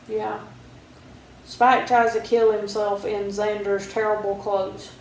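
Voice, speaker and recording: A woman's voice: medium pitch, slow. Woman, casual co-host, wry remarks, faint hiss behind. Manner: relaxed, wry, reads out her own notes. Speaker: podcast co-host. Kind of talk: casual chat. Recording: roomy echo, faint background hiss.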